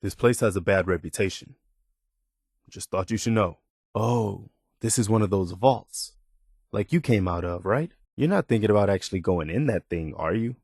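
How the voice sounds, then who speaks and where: In video game dialogue, a dutiful militia officer speaks plainly, earnestly and in a measured way, like a loyal idealist who believes in the cause. His voice is low-ish, expressive, darkish and husky, recorded dry and close with no room sound. He sounds wary yet determined.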